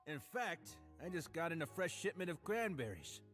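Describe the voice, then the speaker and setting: A man's voice: on the high side, sing-song, moderate pace, a bit bright, faint music behind. A man voicing a suave, courteous hotel bartender in a video game who oddly collects ears, speaking in a polite, genteel manner. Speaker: game character.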